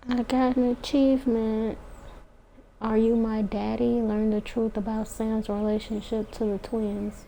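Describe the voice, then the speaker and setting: Mellow, higher-pitched woman commenting on a game. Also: flat delivery, measured pace, vocal fry, slight background noise, low-quality recording. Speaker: game player.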